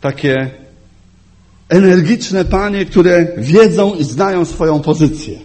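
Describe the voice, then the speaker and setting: A man's voice: on the high side, takes it slowly. A man preaching a sermon, telling a story and acting out the voices in his quotes. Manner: animated, acts out quotes, chuckles often.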